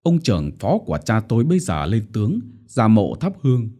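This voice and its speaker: A man narrating a short story as an audiobook in a measured storytelling manner. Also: on the low side, huge pitch swings, mellow.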